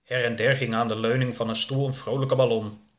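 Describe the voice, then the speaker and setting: A man narrating a story in a measured, even way. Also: medium pitch.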